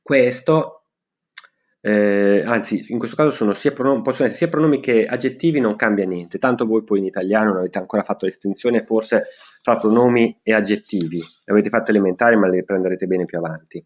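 A man teaching English grammar to school pupils, slowly spelling out example sentences. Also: on the low side, highs cut off.

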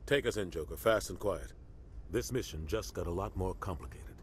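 A man's voice: low voice, expressive, slight background noise. An actor playing a seasoned starship captain who briefs his crew in video game dialogue, speaking in a firm, commanding tone. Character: seasoned human starship captain giving orders. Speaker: game character.

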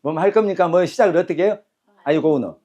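Commanding and brisk, he leads an English class like a lecture, prompting cues and having students echo phrases. The voice sits high and sounds mellow.

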